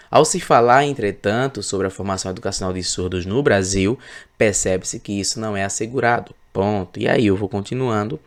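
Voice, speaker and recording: Brazilian guy teaching grammar online, kinda gravelly voice, patient, keeps asking "got it?". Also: on the low side. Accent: Brazilian Portuguese. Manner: explains patiently, often checks in with "tá?". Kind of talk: recorded online grammar lesson.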